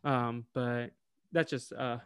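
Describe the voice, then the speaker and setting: A man's voice: mid-range voice, takes it slowly, smooth, dry recording. Chatty man recapping a cartoon, dry mic. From United States. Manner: animated, acts out character lines. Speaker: podcast co-host. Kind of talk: casual episode recap.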